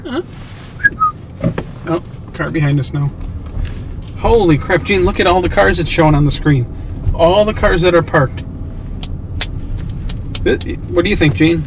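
A man hosting his own channel, narrating casually while driving, excited and chatty with lots of fillers, recorded inside a moving car on a mounted camera. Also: fairly high pitch, unhurried, pauses often. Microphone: camera on a suction mount. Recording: noisy car interior. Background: car road noise.

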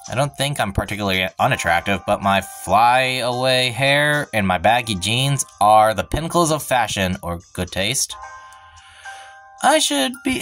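A man's voice: mid-range voice, a bit bright. A man hosting a let's play, reading a visual novel's first-person narration aloud, stumbling and breaking off now and then for wry asides.

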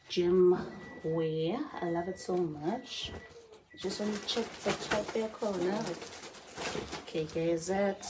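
Heavy background noise surrounds a woman of medium pitch doing a casual haul vlog indoors in her bedroom. She talks into a phone camera at arm's length, repeats phrases, and slips into Zulu words.

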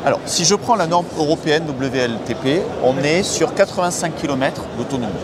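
A man in his thirties presents his company's new product with a confident, figure-heavy pitch, his voice pitched a little high. He stands on a stand in a large indoor trade show hall. Loud crowd noise from the show fills the recording behind him. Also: lively intonation, brisk. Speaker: company director.

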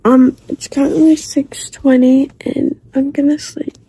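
Soft mellow-voiced young woman. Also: high voice, little pitch movement, unhurried, low-quality recording.

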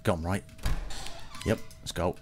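A man's voice: sits low, unhurried, over music. A man casually commenting on a horror game as he plays it, with laid-back, muttered reactions. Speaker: gaming channel host.

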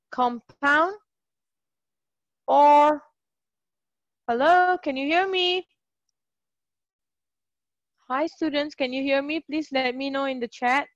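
A woman's voice: sits high, a bit bright, no echo, muffled recording. Upbeat woman tutor in a dry online class. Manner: upbeat, encouraging, praises students often. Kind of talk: live online class teaching.

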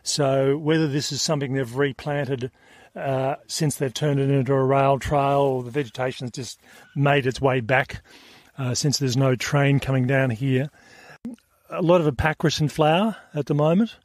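A middle-aged man talks casually into a recorder while out on a hiking trail. His voice is mid-pitched and dry-sounding, and he rambles along with plenty of ums and restarts. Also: normal speed, no echo. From Australia. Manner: relaxed, rambling, with many fillers and restarts. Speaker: podcast host. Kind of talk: on-trail audio diary. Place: outdoors on a rail trail.

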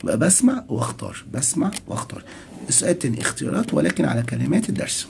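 Gravelly-voiced Egyptian teacher explaining English. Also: male voice, on the high side, big pitch swings, darkish tone, a little hiss or hum. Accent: Egyptian Arabic. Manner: reads English slowly, then translates quickly. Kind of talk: classroom lesson explaining a textbook.

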